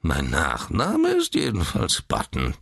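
A man's voice: low-pitched, wildly swooping pitch, takes it slowly, vocal fry, fairly bright tone, breathy edge, no room sound, studio quality, full character voice. A man voicing a peevish newborn who is seventy years old, with a cracked, quavering voice and a whining manner. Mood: whiny.

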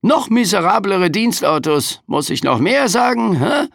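A man's voice: high-pitched, sing-song, measured pace, vocal fry, fairly bright tone, dry recording, studio quality, voice pushed up, exaggerated voice. A man voicing a grumpy, overworked male Grim Reaper skeleton in an audiobook, grumbling and cheeky. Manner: grumbling, cheeky, tags questions with "hä". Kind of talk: audiobook character voice.

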